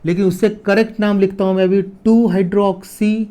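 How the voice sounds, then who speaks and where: A man's voice: sits high, flat delivery, dark tone. Chemistry teacher, man. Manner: repeats key terms slowly, asks students "clear?". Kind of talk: casual classroom lecture.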